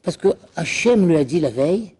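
A man teaching a religious lesson, telling the stories in a lively way and acting out the characters. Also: on the high side, normal speed, breathy edge. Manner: storytelling, acts out characters. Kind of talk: animated religious lesson with acted-out voices.

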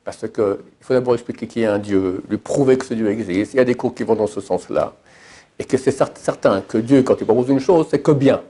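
A man from France, a rabbi teaching a Torah class and answering questions in an emphatic, animated way. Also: fairly quick, slightly rough. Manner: animated, emphatic, jumps between high and low.

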